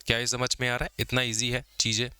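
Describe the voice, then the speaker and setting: A young man teaching an exam-prep law class, often checking whether students follow and slowing down to dictate definitions. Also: mid-range voice, monotone, sharp tone, clean tone, no room sound. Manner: explains casually, checks understanding with repeated questions; slows to dictate English definitions. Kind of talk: exam lecture.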